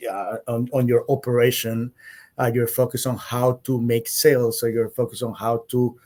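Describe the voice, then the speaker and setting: Hesitant man, middle pitch. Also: level tone, a little mellow. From Costa Rica. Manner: halting, many fillers and restarts. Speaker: podcast guest, insurance agent. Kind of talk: casual interview conversation.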